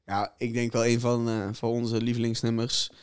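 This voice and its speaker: A young man co-hosting a podcast, chatting in a relaxed way and telling stories with enthusiasm. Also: medium pitch, moderate pace, smooth. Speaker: podcast co-host. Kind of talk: casual chat.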